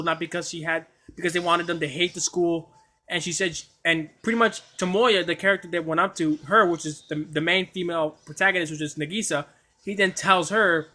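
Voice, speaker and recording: Excitable stammering young-sounding man. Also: sits high. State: coughing at times. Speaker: anime streamer. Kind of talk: casual livestream chat.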